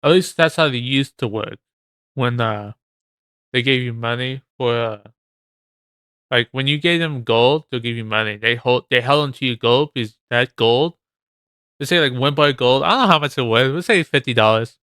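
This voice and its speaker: A man's voice: mid-range voice, normal speed, fairly bright tone, clean tone, no echo, clean studio sound. A man giving casual, off-the-cuff reaction commentary as a host, blunt and skeptical, often repeating himself for emphasis.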